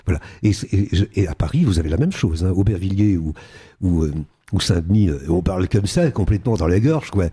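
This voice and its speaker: A man's voice: low-pitched, expressive, brisk, mellow, breathy edge. An older man, an actor being interviewed on radio, talking animatedly and slipping into character voices now and then. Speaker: guest actor.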